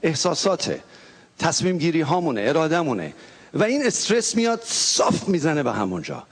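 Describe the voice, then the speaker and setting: A man preaching a lively sermon from a church pulpit, joking and coaxing the congregation into call-and-response. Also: on the high side, slightly rough. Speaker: pastor.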